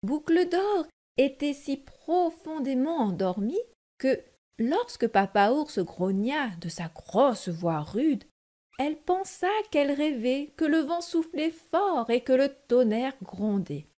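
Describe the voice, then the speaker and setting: Slow, high-voiced woman reading a fairy tale. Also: very animated, warm tone. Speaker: narrator. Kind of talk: storybook reading for children.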